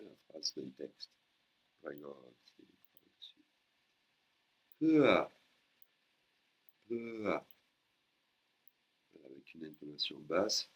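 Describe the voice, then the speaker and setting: A man teaching a language lesson, patiently explaining and repeating words slowly for learners. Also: low voice, low-quality recording.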